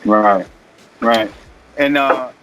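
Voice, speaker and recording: A man's voice: mid-range voice, extremely slow, a crowd in the background. A man hosting a casual podcast interview, asking brief questions and giving short replies. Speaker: podcast host.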